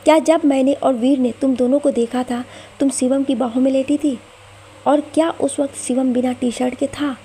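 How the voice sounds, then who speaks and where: Sly young woman playing the victim, woman reading her, gravelly and warm. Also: high-pitched, fairly even intonation, normal speed, a little hiss or hum. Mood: probing. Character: scheming young woman faking tears.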